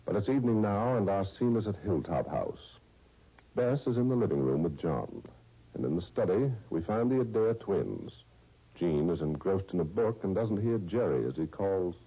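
A man announcing a 1930s radio serial in a smooth, measured announcer style, heard as an old radio broadcast. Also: low voice, expressive. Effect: old radio broadcast sound. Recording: dull old radio recording, faint music.

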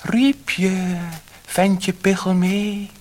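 Man doing a little magic fish, silvery high voice, calm and kind, slow. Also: slight background noise, poor audio. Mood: gentle reassuring. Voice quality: silvery, light.

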